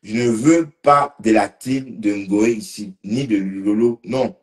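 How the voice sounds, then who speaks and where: A man's voice: lowish voice, slow. A man a bit tipsy, rambling casually on a live stream and talking to commenters by name. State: slightly tipsy.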